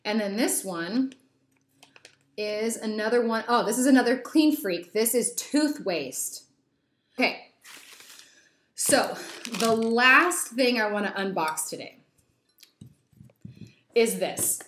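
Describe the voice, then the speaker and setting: A woman's voice: on the high side, expressive, slow, pauses often, fairly bright tone. A young woman chatting through a toy unboxing, giddy and rambling with lots of little asides. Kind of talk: casual unboxing chat. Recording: echoey room.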